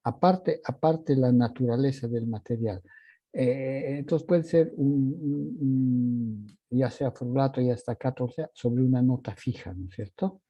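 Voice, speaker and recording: A man's voice: medium pitch, a little slow. A man teaching an orchestration workshop, singing out musical articulations in syllables as he explains them. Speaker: composition teacher. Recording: dull lo-fi recording.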